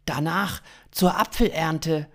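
A man's voice: a little high, takes it slowly, voice pushed up. A man voicing a strange alien man who gives odd, terse answers. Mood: matter-of-fact.

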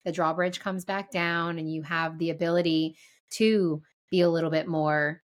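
A woman's voice: sits low, fairly even intonation, normal speed. A woman co-hosting a podcast as an energy healer, chatting casually, laughing often and using spiritual wording.

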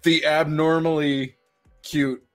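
A man's voice: fairly high pitch, level tone, slow, faint music behind. A laid-back man co-hosting a casual podcast, chiming in with short remarks. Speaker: podcast co-host. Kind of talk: casual chat.

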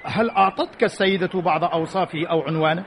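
An actor in an old Arabic radio drama playing a wry, authoritative ancient commander, speaking in measured formal lines. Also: male voice, high voice. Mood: calm, commanding. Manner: measured formal delivery, dryly witty. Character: calm, wry, authoritative male Carthaginian army commander. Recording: muffled, hissy old radio recording.

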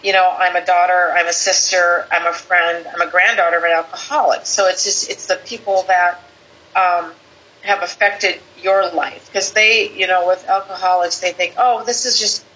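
A woman guest telling a personal story in conversation, animated, quoting people in lively voices. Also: on the low side, moderate pace. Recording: slightly dull lo-fi audio with faint background hiss.

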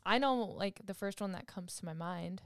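A woman's voice: mid-range voice, normal speed, clear, resonant tone, dry recording, clean studio sound. A young woman co-hosting a casual chat with a friend, frank and laid-back, swearing now and then. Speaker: podcast co-host.

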